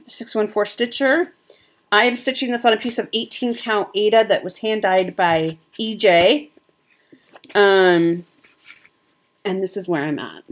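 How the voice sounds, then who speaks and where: A woman with a Midwestern American accent chatting casually as a cross-stitch vlogger, with frequent ums. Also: medium pitch. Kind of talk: casual show-and-tell chat.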